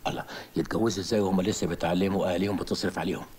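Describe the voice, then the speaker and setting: A man's voice: low-pitched, steady tone, rapid-fire, a little mellow, lightly acted. An actor with an Egyptian accent playing a middle-aged man who exclaims in feigned piety, in comic film style. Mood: mock-pious. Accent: Egyptian Arabic. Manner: mock-pious, exclaiming.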